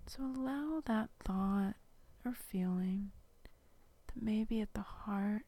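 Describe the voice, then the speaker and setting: Whisper-voiced woman meditation guide, unhurried and breathy, close and dry. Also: medium pitch, dry recording. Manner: soft unvoiced whisper throughout; calm, slow instructions with long pauses. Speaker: relaxation guide.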